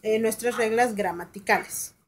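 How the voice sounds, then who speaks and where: A woman with a high voice teaches a basic grammar lesson, reading example sentences slowly and then translating them. She pauses often with fillers and corrects herself mid-sentence. Faint noise hums behind her. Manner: frequent fillers and self-corrections. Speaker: English teacher.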